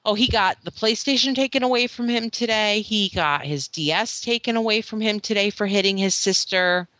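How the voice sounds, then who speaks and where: A woman's voice: mid-range voice, normal speed, pushed and bright, no echo. A woman on a podcast in casual chat, speaking frankly as a parent and retelling family moments. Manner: frank, quotes her child in retelling.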